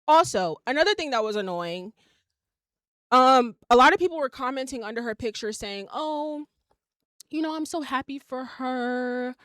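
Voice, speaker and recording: A woman in her 20s hosts a podcast, delivering a blunt, emphatic, swear-filled rant in a casual opinion monologue. Her voice is on the high side and a bit bright, recorded in studio quality with no room sound.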